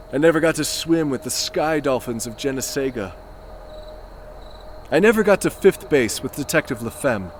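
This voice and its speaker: A man's voice: medium pitch, lightly acted. Pompous melodramatic space lord guy a man acting, swoops all over, florid sci-fi audio drama, noise behind him. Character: pompous, self-proclaimed dashing male space adventurer, vain and melodramatic.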